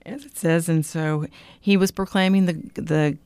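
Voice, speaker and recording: A woman hosts a religious talk program in a conversational interview style. Her voice has a medium pitch. It is recorded dry, with hardly any room sound. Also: fairly even intonation, normal speed, darkish tone, smooth, no room sound. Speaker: host.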